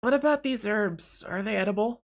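A woman's voice: medium pitch, brisk. A woman streamer chatting casually and easygoingly during a game. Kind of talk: casual gameplay banter.

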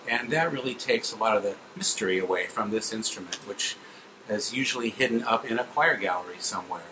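A middle-aged man, a cathedral organist and music director, giving a measured, explanatory presentation to supporters. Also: on the low side, reverberant, noisy background. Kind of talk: guided presentation to donors. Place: large cathedral organ gallery, indoors.

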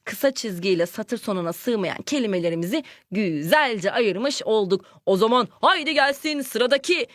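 A woman teaching a lesson to young children, lively and questioning, acting out example sentences with exclamations. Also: fairly high pitch, normal speed, few pauses, dry recording, studio quality. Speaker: primary school teacher.

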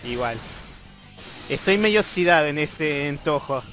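An Argentine man hosting a casual chat while playing a fighting game, bursting into loud excited yelps. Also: fairly high pitch, unhurried. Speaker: channel host, gamer. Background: game music.

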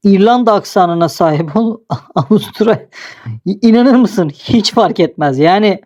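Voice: medium pitch, lively intonation, moderate pace, darkish tone. A young adult host casually commenting on a game he is playing, teasing and laughing often. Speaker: gaming video host.

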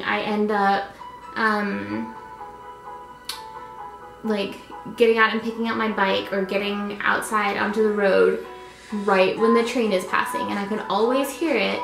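A woman's voice: medium pitch, gravelly. A woman in her twenties chatting casually to camera as a vlogger, rambling and easily distracted. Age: 20s. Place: small indoor apartment room. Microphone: camera at arm's length. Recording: echoey small room with faint noise.

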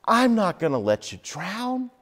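A man preaching who voices Jesus as a calm, comforting grown man, speaking gently and pleadingly. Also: sits high, unhurried, long reverb tail, voice pushed up, full character voice. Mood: reassuring.

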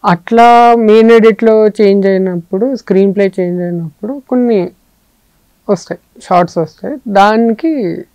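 A man's voice: sits high, moderate pace, darkish tone, no echo, low-quality recording. A man, a film editor, answering interview questions thoughtfully with a Telugu accent, and he often explains through metaphors. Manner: thoughtful, explains with metaphors, mixes in English phrases.

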